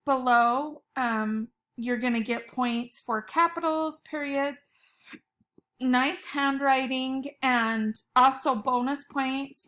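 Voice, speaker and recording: A woman's voice: fairly high pitch, a bit bright. A woman teacher giving a recorded spelling lesson from home, patiently sounding out letters and words. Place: home at night.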